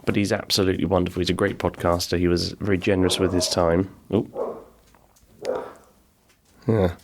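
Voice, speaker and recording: There's a noisy background behind this deep-voiced middle-aged man, whose pitch barely moves as he talks at normal speed. Hosting his podcast from a small home-built garden pub, he chats casually and rambles, poking fun at himself.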